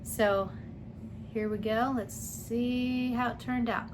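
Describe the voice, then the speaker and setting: A woman's voice: fairly high pitch, steady tone, takes it slowly. A woman chatting casually to her viewers while cooking in a home kitchen. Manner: chatty, friendly, addresses viewers as guys. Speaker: cooking vlogger. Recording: noisy home recording.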